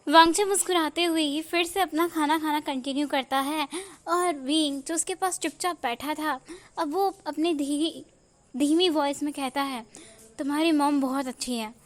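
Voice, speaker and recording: High-voiced woman narrating a fan story. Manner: switches to acted dialogue for characters.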